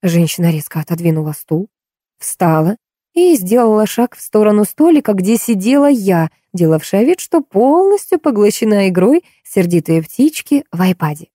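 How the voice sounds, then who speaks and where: A woman reading a first-person novel as an audiobook in an even, measured way. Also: medium pitch, no echo, studio quality. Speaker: audiobook narrator. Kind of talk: scripted first-person narration.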